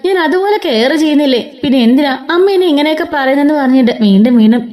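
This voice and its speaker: A woman's voice: sits high, racing, a little mellow, close to an everyday voice. A woman voicing a hurt young wife who pleads and protests. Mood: upset. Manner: pleading, upset.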